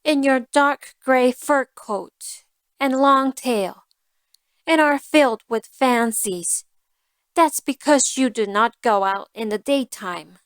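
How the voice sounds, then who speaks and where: A woman voicing a greedy, haughty female cat in a fairy tale, with a smug and deliberate manner. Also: high voice, no echo, clean studio sound. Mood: smug, dismissive.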